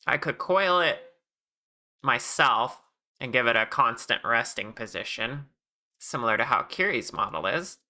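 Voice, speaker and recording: Streamer at a desk mic, gravelly fry, sharp bright tone, relaxed casual chat. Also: mid-range voice. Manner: relaxed, thinking aloud with fillers. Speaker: streamer doing 3D modeling.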